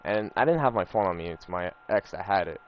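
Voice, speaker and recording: This gaming streamer, a young man, tells a rambling personal story as he plays, full of swearing, repetition and "you know"s and "like"s. His low voice is animated and fairly quick; the highs are cut off and there's slight background noise.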